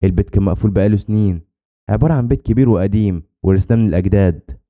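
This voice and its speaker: A man with an Egyptian accent telling a scripted horror story in a brisk, tense way. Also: lowish voice, mellow.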